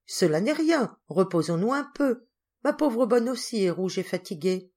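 A woman's voice: medium pitch, expressive, moderate pace, darkish tone, lightly acted. A woman voicing an eager, timid little girl who speaks in a pleading way in a storybook reading.

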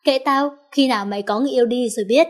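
A woman voicing a young man, a wounded, protective and jealous lover who speaks cold to enemies and gently to his girl. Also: high-pitched, very fast, lightly acted. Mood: teasing. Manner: cold, then tender and teasing.

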